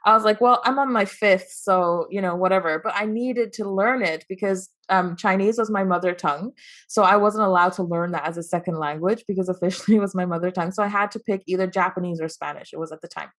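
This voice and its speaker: A young Taiwanese woman with an American accent talks fast in a medium-pitched, fairly bright voice. She's an entrepreneur appearing as a guest in a casual interview, laughing a lot and restarting her sentences.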